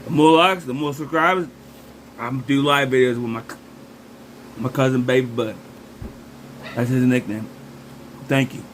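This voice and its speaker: A man's voice: medium pitch, fairly even intonation, unhurried, pauses often, slight background noise, rough recording. A man hosting a casual food challenge vlog, his mouth burning from spicy food, with hiccups and a runny nose from the heat. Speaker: challenge host on own channel.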